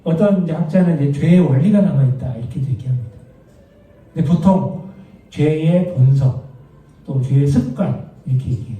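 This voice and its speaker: Male Bible study teacher, conversational, dark mellow voice, distant in a very echoey room. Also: a little high, lively intonation, moderate pace. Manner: conversational, explains doctrine with asides and anecdotes. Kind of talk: church Bible study lesson. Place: church room.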